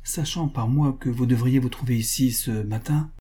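A man's voice: medium pitch, normal speed, mellow, breathy edge, close to an everyday voice. A man voicing a naive, eager young girl in a storybook reading. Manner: eager, exclaiming.

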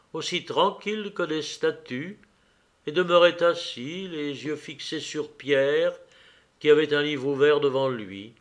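A man narrating a classic story as an audiobook in a measured, expressive way. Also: fairly high pitch.

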